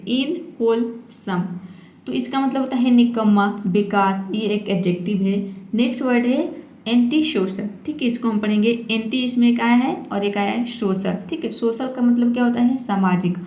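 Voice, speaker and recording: A woman who teaches English vocabulary in a patient manner. She spells out words and repeats them slowly, adding a steady "okay" after each point. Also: on the high side, reverberant. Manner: patient, repeats "ठीक है" often. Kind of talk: vocabulary lesson.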